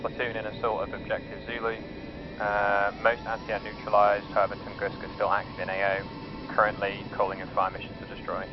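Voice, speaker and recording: A man calling in over a walkie-talkie radio, using clipped military radio procedure in a flat, formal voice. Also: fairly low pitch, fairly quick. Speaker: ground radio operator in a military game. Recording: dull lo-fi radio sound.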